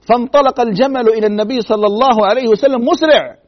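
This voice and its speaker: A man giving a dramatic religious storytelling lecture, swinging between loud emphasis and hushed tones and asking rhetorical questions. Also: very high-pitched, quick pace. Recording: dull lo-fi broadcast recording.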